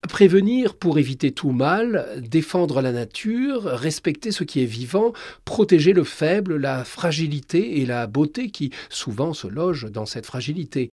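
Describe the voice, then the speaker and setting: A man reading aloud plays a passionate male scientist, pitched well above his own voice and pressing each point loudly. The voice is husky and dry, and it swings up and down as he argues. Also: expressive, a little slow, hardly any pauses, dry recording. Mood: fervent. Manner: fervent, emphatic.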